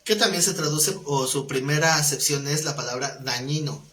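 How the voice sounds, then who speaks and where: A man teaching a live Bible class, animated, breaking into quoted voices. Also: normal speed. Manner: animated, acts out quoted voices with rising pitch. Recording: roomy echo.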